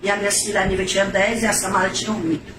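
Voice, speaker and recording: A woman's voice: medium pitch, flat delivery, very fast. A middle-aged woman, giving an emotional, repetitive religious testimony in a preacher-like manner. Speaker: testimony giver. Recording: echoey, distant, noisy.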